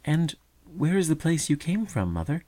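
A man voicing an innocent young male sedge warbler, earnest and high-pitched. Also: very animated, moderate pace, warm tone. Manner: earnest and trusting.

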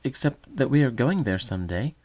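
A man voicing an innocent young male sedge warbler, earnest and high-pitched. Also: animated, normal speed, mellow, natural voice. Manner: earnest and trusting.

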